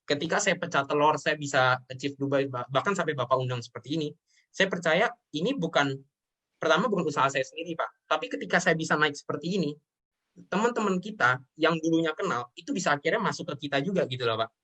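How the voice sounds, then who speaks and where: A man's voice: on the high side, fast, bright, forceful tone. A young man, a show guest, talking earnestly about his life and work, sometimes near tears. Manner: earnest, often addresses listener as sir. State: tearful at times. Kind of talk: emotional personal talk.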